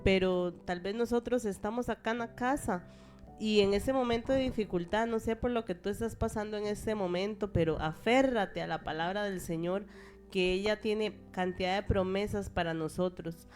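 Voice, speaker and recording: Gentle woman host encouraging listeners. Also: medium pitch, moderate pace, faint music behind. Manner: gentle, exhorting, with hesitant fillers. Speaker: radio host.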